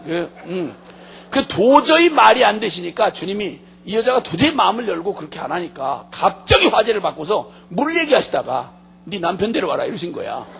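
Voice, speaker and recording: Male pastor with a high, gravelly voice that swoops widely, preaching with lively stories and jokes. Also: slight background noise. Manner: lively storytelling with comic asides. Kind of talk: sermon.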